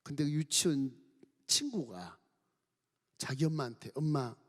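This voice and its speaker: Korean pastor preaching, animated storytelling. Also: male voice, fairly high pitch, moderate pace, in a large hall. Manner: storytelling with lively acted quotes. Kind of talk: sermon. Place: church sanctuary.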